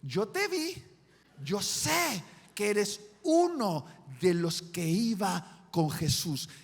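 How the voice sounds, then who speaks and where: An insistent young servant girl put on by a male preacher, her voice pushed high with a rough edge. A long reverb follows her in the hall. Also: very animated, very slow, exaggerated voice.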